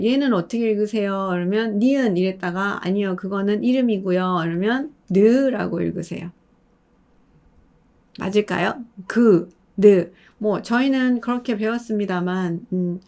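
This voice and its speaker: A woman's voice: medium pitch, a little mellow. A woman teaching pronunciation in a patient, explanatory way, repeating short sounds to show the difference. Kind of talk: explanatory lesson.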